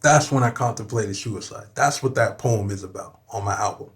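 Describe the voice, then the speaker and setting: A man's voice: fairly low pitch, normal speed. Candid, profane man from Southern California. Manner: emphatic and profane, with frequent "you know what I'm saying". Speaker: podcast guest, rapper. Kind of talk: candid personal storytelling.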